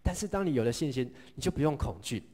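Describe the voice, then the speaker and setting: A middle-aged man preaching a sermon. He tells the story in a lively way, asks the congregation questions and has them repeat lines back. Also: medium pitch, fast talker. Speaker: pastor.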